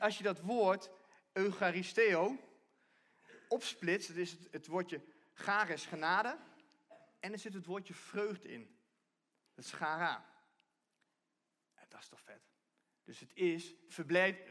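A man's voice: high voice, expressive, moderate pace, long pauses, sharp tone. A man giving a conversational sermon from a church stage, often restarting and repeating himself as he explains. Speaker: preacher.

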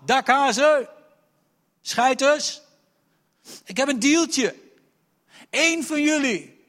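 A man voicing a huge, boastful giant warrior who hurls loud taunts. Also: extremely high pitch, pitched above the performer's own voice, full character voice. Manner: bellowing taunts. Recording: echoey hall.

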